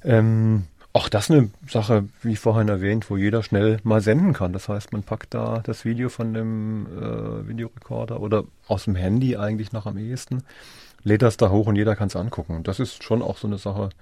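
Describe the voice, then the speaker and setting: A man with a gravelly, somewhat low voice chats casually as a podcast co-host. The sound is dry and close, with no room behind him. He talks in an easy, explaining way. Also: fairly even intonation, normal speed, dark tone, no echo. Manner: chatty, explaining web culture. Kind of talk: casual chat.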